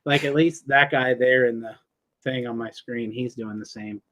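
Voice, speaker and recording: A man's voice: medium pitch, fairly even intonation, moderate pace, a bit bright. A man who preaches in the open air, talking as a guest in a casual interview over a video call. He rambles, jokes and makes fun of himself. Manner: joking, self-deprecating, rambling.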